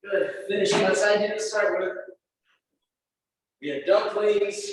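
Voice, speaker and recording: A man's voice: high-pitched, fairly even intonation, unhurried. Man counting reps in an echoey room. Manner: counts down reps, encouraging cues. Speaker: fitness instructor. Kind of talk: live workout coaching. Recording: echoey room, distant mic, faint noise.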